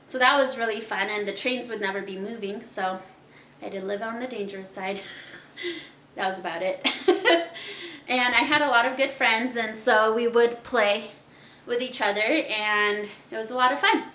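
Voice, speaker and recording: Her voice a little high and sharp-toned, a young woman from Kazakhstan tells her personal story at a moderate pace on her podcast. The talk is casual and chatty, full of candor and frequent laughter, recorded in a room with echo.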